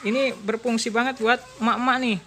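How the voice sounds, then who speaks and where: A woman's voice: fairly high pitch, steady tone, brisk, a little hiss or hum. A woman, demonstrating a motorcycle alarm step by step in a chatty way. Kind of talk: casual product demonstration.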